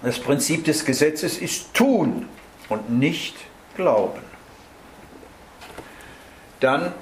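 A man's voice: medium pitch, a little hiss or hum. German-speaking man teaching Bible in a roomy hall. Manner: explanatory, adds tag questions "nicht?". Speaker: preacher. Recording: roomy hall with faint ambience.

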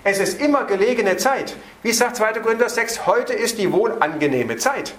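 A man preaching an evening sermon on a Bible passage. He stresses words by slowing down and hurries through his asides. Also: high-pitched, lively intonation, fairly bright tone, roomy sound.

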